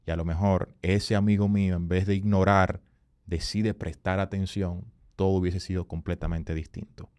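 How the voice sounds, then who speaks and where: A man, a communication consultant, telling earnest stories as a podcast guest, emphatic and rising in pitch when he quotes people. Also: level tone, normal speed, a little mellow, no room sound, clean studio sound. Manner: earnest, emphatic storyteller who rises in pitch for quoted voices. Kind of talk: storytelling in a podcast interview.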